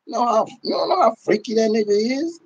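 On lo-fi audio, a middle-aged American livestream host talks a little fast in a high, animated voice with a breathy edge. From a room at home, into a phone or webcam at arm's length, he rants casually to viewers, bluntly and profanely, repeating himself for emphasis.

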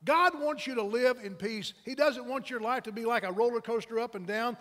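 A man with a high-pitched voice preaches a sermon from the pulpit, telling stories in a loose, conversational way and often restarting his sentences. His voice rings out with a long reverb, as in a large church sanctuary. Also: fairly quick, a bit bright. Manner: conversational and anecdotal, with frequent restarts. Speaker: pastor.

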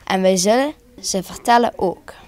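A woman voicing a wise and kind female owl in a children's story, speaking gently and with care. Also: mid-range voice, normal speed, close to an everyday voice. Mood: encouraging.

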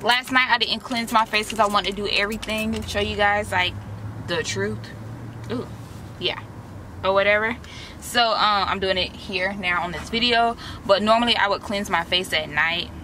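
This young female vlogger has a medium-pitched, sharp voice with fairly even intonation and a normal speed, plus slight background noise. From inside a parked car, she does a face mask while addressing her viewers in a slangy, direct style, with the camera placed close in front of her.

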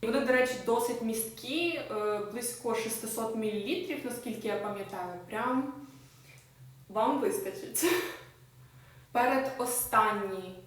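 A woman's voice: on the high side, normal speed. Chatty woman vlogger in an echoey room. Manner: chatty and enthusiastic, many filler sounds. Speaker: lifestyle vlogger. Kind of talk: casual show-and-tell chat. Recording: echoey room, mic at a distance.

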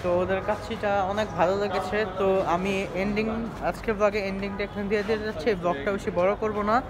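A man's voice: high-pitched, little pitch movement. A man, talking through a face mask as a food vlogger, addressing viewers in a casual review. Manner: quick talk aimed at viewers. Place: busy indoor restaurant. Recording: loud restaurant crowd noise.

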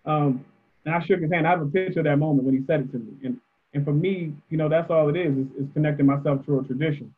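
A man's voice: fairly high pitch, fast, breathy edge. A debate coach speaking on a panel, thoughtful, often repeating words as he starts a sentence. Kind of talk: panel discussion answer. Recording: muffled phone-like audio.

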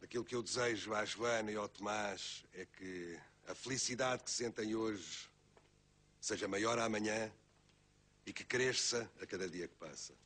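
Low-voiced man making toasts. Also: measured pace, pushed and bright. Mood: proud, celebratory. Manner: formal speech-making. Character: proud, contented man toasting newlyweds. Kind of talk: television soap drama acting.

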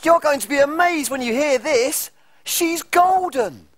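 An actor playing a tiny, excitable, cheerful cook, speaking in an exaggerated, animated children's TV storytelling manner. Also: male voice, extremely high pitch, measured pace, no echo, full character voice. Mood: excited. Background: music.

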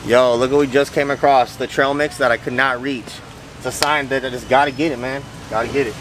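A man's voice: mid-range voice, steady tone, fairly quick. A young man vlogging casually while shopping in a big warehouse store, joking and slangy. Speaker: fitness vlogger. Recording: noisy store ambience.

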